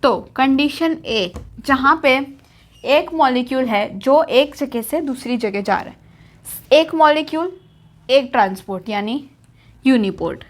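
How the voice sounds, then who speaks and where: Young woman teacher, high voice, chatty board lesson, keeps repeating the key terms. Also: expressive, a little slow. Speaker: biology teacher. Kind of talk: whiteboard lesson in Hindi.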